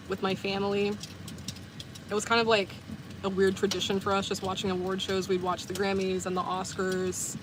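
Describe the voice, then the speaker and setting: Speaking to her stream viewers, a vlogger in her twenties with a Southern US background keeps things casual and meandering. Her pitch is medium, she leans heavily on "like" and often backtracks, and some noise sits in the background.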